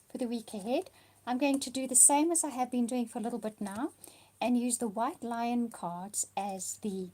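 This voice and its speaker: Her voice partly gone from a cold, a woman softly delivers a weekly tarot card reading, occasionally fading into whispers. The pitch of her voice is fairly high.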